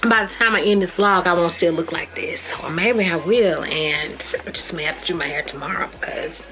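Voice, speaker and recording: A woman in her thirties chatting casually to her phone camera at arm's length in a bedroom, relaxed and a little sleepy as she rambles. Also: on the low side, moderate pace, soft background music, rough recording. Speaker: family vlogger. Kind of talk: casual vlog chat. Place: bedroom at home.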